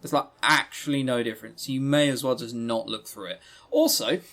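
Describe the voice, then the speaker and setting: This male podcast co-host gives emphatic, opinionated, meandering takes on visual novels in relaxed conversation. He speaks a little quickly in a mid-range voice that is fairly bright, with fairly even intonation.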